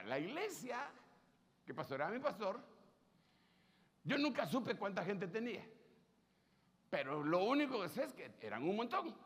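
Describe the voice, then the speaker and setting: Honduran preacher in his 60s, kinda high husky voice, telling jokey stories from the pulpit. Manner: animated and joking, acts out quoted people. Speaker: pastor. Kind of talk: storytelling sermon.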